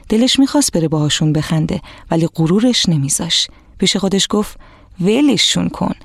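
A woman narrating a storybook for children, lively and expressive, speaking to the young listeners directly. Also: lowish voice, dry recording, clean studio sound.

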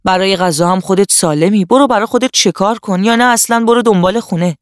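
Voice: mid-range voice, no room sound, studio quality, lightly acted. A storyteller voicing a strong, stern male tiger who scolds a freeloader in a children's radio story. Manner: firm, scolding, growling remarks.

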